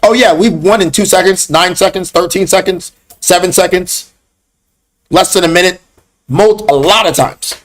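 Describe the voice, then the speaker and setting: A man with a fairly high voice leads a live-streamed trading lesson. He talks bluntly and scolds his viewers by name. When he wants a point to land, he slows down and leans hard on each word. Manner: blunt, scolding, calls out chat names. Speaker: trading class host.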